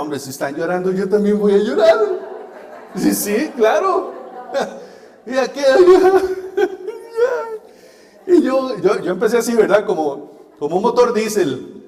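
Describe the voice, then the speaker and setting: Costa Rican male preacher, middle-aged, slightly high voice, homely storyteller; roomy hall with long reverb. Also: a little mellow. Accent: Costa Rican Spanish. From Costa Rica. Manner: folksy storyteller, laughs at himself. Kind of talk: sermon with personal testimony.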